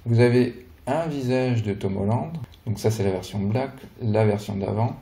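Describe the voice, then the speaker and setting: Toy reviewer, man, low and very dark voice, easygoing chatty delivery. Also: moderate pace, gravelly. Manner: relaxed, chatty, hesitant fillers. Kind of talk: casual product walkthrough.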